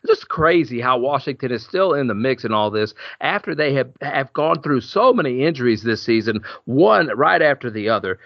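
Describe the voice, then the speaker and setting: A man's voice: fairly high pitch, no room sound. A man hosting a podcast, talking through sports betting picks in a chatty, rambling way. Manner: chatty, rambling, quick laughs. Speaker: podcast host. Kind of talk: casual sports betting chat. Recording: dull lo-fi dry sound.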